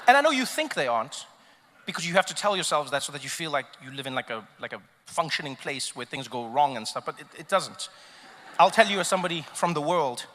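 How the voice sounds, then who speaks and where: A man performing a stand-up comedy set on stage, telling stories animatedly and shifting between loud bursts and quiet asides. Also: a little high, big-room sound, a little hiss or hum.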